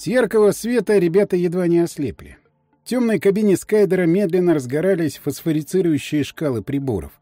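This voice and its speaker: A man narrating a science fiction story for an audiobook in an expressive, storytelling manner. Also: high-pitched, a little fast, no echo, studio quality, faint music behind. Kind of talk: scripted narration.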